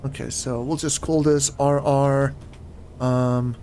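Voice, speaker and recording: A man's voice: mid-range voice, level tone, slow, dark tone, a little hiss or hum. A young man streaming a game, chatting in a rambling way and often getting puzzled, recorded on a desk microphone at home. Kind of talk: casual live-stream chat while playing.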